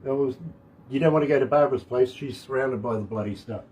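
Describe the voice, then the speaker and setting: Joking older Kiwi radio DJ. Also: male voice, medium pitch, fast, darkish tone, slight background noise, low-quality recording. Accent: New Zealand. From New Zealand. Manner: jokey, chuckling, rambling with restarts. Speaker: radio DJ and host. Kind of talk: casual radio interview.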